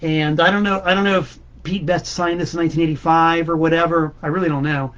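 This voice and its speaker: A man's voice: a little high, steady tone, fast talker, fairly bright tone, muffled recording. A man hosting a casual monologue about records, enthusiastic and rambling, with emphatic repeats. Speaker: host.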